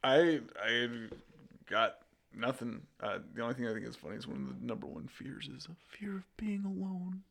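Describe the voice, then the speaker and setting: A man on a podcast as a guest, talking casually with a dry, dark sense of humor. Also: medium pitch, animated, normal speed, creaky.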